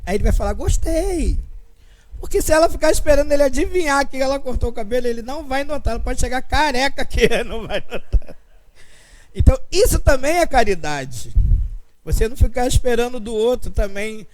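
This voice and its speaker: A man's voice: very high-pitched, animated, quick pace, rough recording. An older man, leading a spiritist study group in a chatty, anecdotal way and acting out bits of dialogue. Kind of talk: casual talk to a study group.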